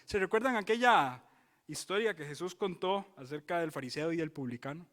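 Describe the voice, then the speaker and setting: A man's voice: on the high side, lively intonation, normal speed. Emphatic male pastor preaching in a reverberant church. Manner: emphatic preaching, swinging from loud exclamations to quiet solemn warnings; asks the congregation rhetorical questions. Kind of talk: expository sermon. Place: church sanctuary.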